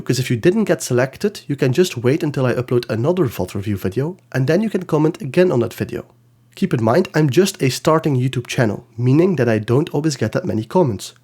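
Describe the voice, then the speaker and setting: A young man with a cold, his voice a bit nasal and rough, talking through a gameplay review as a coach with loose, explanatory speech. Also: mid-range voice. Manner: explanatory, loose with fillers and restarts. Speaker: game coach. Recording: faint music behind. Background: soft background music.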